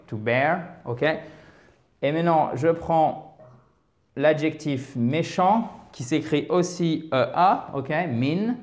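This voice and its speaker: This English teacher from France works through an online lesson step by step, using examples and frequent quick asides of "ok?" and "d'accord?". His fairly high voice has a darkish tone, and the recording is reverberant.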